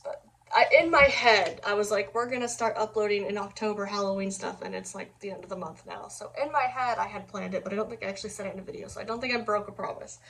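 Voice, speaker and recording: A woman's voice: mid-range voice, vocal fry, rough recording. A young woman talking casually to camera, rambling and easily sidetracked, laughing often as she chats. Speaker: vlogger.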